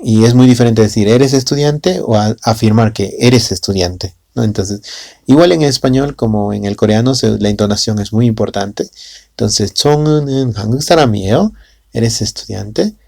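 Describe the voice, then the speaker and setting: A man's voice: lowish voice, steady tone, normal speed, vocal fry, dark tone, dry recording, clean studio sound. A man teaching a language lesson in a casual way in Spanish with a Latin American accent, often adding tag questions and fillers.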